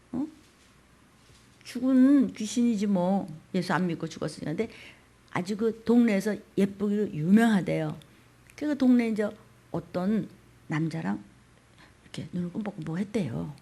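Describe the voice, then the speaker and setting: A woman pastor preaching a sermon in a colloquial style, acting out quoted voices, asking rhetorical questions, and swinging between loud outbursts and hushed whispers. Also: mid-range voice, lively intonation, moderate pace, gravelly, pauses often. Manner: dramatic, acts out quoted voices.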